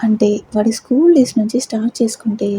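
A woman's voice: on the high side, quick pace, dark tone, slight background noise, close to an everyday voice, poor audio. A woman voicing an amused young man friend. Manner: plain-spoken, suppressing a laugh.

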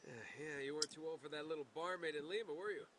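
A man's voice: a little high, racing, noisy background, close to an everyday voice. An actor playing a cocky, wisecracking adventurer in his thirties in a video game, teasing and casual.

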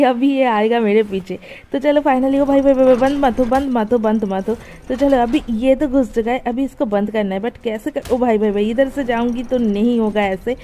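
Brief: young female gaming host, excitable running commentary, higher voice with a mellow, warm tone. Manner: chatty, excitable, talks to viewers while playing. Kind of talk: casual gameplay commentary.

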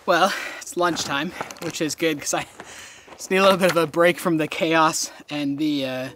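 Background noise accompanies a man's fairly high, steady voice as he speaks at normal speed. Recording on a handheld camera mic at an outdoor building site, he casually narrates his stone cabin renovation to camera. He thinks aloud and asks viewers questions along the way.

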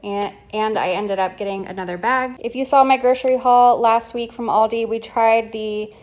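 A woman in her thirties chatting casually at home about her groceries and weekly meal plan, relaxed, with lots of ums and likes. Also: a little high, normal speed. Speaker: vlogger. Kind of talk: casual grocery haul chat. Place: home kitchen.

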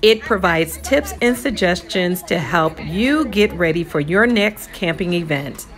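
A woman's voice: on the low side, expressive, a little slow. Woman narrating a camping vlog. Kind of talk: scripted voice-over narration.

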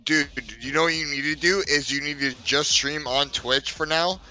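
Bright excitable young-sounding gamer dude. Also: male voice, fairly high pitch, faint music behind, poor audio. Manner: fast, profane, excitable, full of "bro" and "dude". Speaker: gaming friend. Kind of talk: casual gaming chat over voice call.

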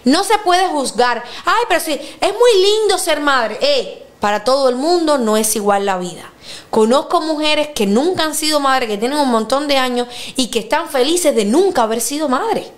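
A woman in her thirties with a high voice talks casually as a podcast host. She tells personal stories with energy and jumps up in pitch when she acts out what people said. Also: moderate pace. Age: 30s. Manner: lively storyteller, acts out quotes with big pitch jumps. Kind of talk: casual chat.

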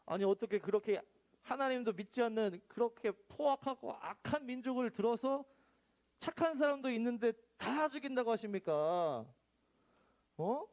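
An exasperated prophet pours out complaints and pleads for an answer, his voice climbing higher and swooping wide, as a male preacher acts him out. He protests with rising urgency. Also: animated, normal speed, a little mellow. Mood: protesting.

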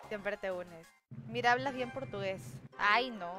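At a measured pace and medium pitch, a young woman chats casually while live-streaming a game from home. She thanks her audience and reads their messages aloud, with frequent giggles over clear game music.

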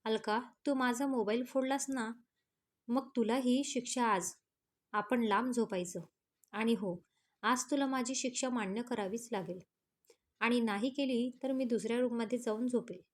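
A feisty young wife from a storybook romance who scolds and teases with a quick tongue, as a woman reader voices her. Her voice sits a bit high. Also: natural voice. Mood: scolding. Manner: scolding, teasing.

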